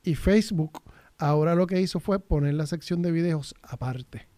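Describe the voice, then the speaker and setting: A man's voice: on the high side, normal speed, mellow, no room sound. A man in a casual chat, rambling and mixing in English words.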